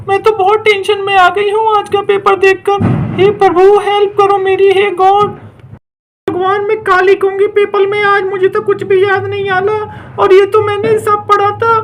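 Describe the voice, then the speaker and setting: A woman voicing an anxious young schoolgirl who frets and pleads over a hard exam in a doll story. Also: very high voice. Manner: anxious, pleading, praying aloud. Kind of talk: doll story role-play.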